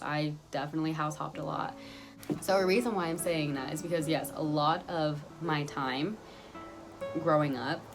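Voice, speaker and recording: A young woman telling a personal story on her vlog, earnest and rambling, often restarting her sentences. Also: sits low. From Guatemala, raised in Utah. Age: young adult. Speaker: vlogger.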